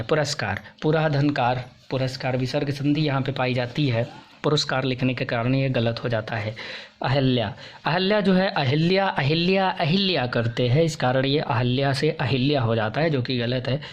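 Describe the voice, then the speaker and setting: A male teacher from India going through correct and incorrect Hindi spellings for exam students, slowing down to stress each correct form. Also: medium pitch, highs cut off.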